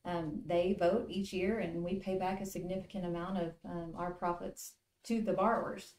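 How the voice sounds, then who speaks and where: Female guest, 30s, lender, calm explainer, lowish voice, echoey studio sound. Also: moderate pace. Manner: steady, informative, frequent "um" fillers. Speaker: farm lending relationship manager, guest. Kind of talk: explanatory interview answers. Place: indoor studio with virtual backdrop. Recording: roomy room sound.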